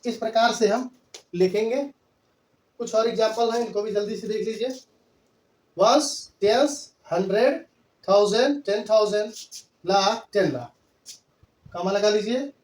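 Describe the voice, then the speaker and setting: Guy teaching maths, pretty high voice, slow patient counting, sounds far off from the mic. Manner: patient, repetitive counting aloud. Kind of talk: step-by-step maths lesson. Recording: echoey room, voice from far off.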